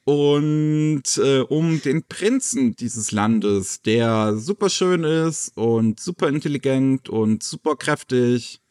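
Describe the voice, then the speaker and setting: A man hosting a casual podcast, presenting anime news in a relaxed, chatty way with plenty of fillers. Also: medium pitch, slow pace, few pauses, clear, resonant tone, no echo, clean studio sound. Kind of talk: casual chat.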